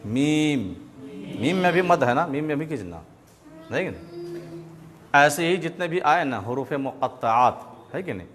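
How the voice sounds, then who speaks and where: A man's voice: on the high side, lively intonation, measured pace, long pauses, fairly bright tone, in a large hall. A man teaching Quran reading, patiently explaining letters, checking understanding again and again, and drawing out letters in chanted recitation.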